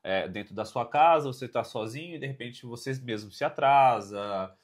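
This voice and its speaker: Brazilian man with a tongue-tied lisp. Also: mid-range voice. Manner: explanatory, halting, often seeking agreement. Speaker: podcast co-host. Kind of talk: informal Bible teaching.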